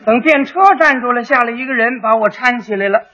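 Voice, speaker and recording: A man performing traditional crosstalk comedy, telling a funny story with lively, animated delivery. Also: very high-pitched, quick pace. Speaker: lead comic performer. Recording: dull old archive recording.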